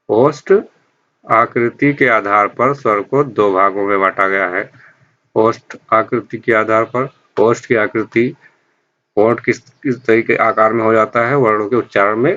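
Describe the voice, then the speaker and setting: A man gives an exam-prep grammar lesson in a bright, forceful voice. He poses questions and answers them himself, and he says each term slowly and more than once. The recording sounds dull and lo-fi. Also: lowish voice. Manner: repeats key terms slowly. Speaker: teacher.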